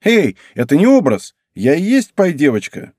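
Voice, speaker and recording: A man's voice: fairly high pitch, wildly swooping pitch, normal speed, darkish tone, no echo, studio quality, pitched above the performer's own voice. A man reading an audiobook, voicing a playful, haughty girl in a sing-song, mock-pompous way. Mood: playful boasting.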